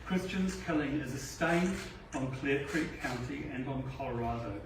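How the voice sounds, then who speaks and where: Grave male speaker, deliberate, far off the mic in a very echoey hall. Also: mid-range voice, background noise. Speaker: father of the victim. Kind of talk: press conference statement. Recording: distant roomy press-conference audio.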